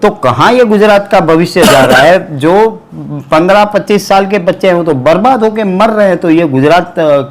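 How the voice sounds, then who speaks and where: A man's voice: high-pitched, expressive, normal speed, hardly any pauses. A man hosting a web news interview, agreeing with his guest and turning to address the viewers. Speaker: interview host.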